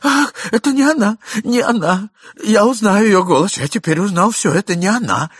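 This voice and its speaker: A man's voice: on the high side, big pitch swings, a little fast, husky, no echo, clean studio sound, voice pushed up, exaggerated voice. A man voicing a jealous, pompous middle-aged husband in a storybook reading, stiffly polite and easily rattled. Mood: panicked. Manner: indignant, stiff formal politeness.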